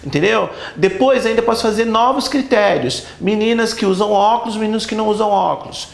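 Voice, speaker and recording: A man's voice: high voice, brisk, gravelly, reverberant. A man teaching a grammar class, emphatic and repetitive, checking often whether students follow. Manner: emphatic, repeats key points with rhetorical checks. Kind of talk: classroom lecture.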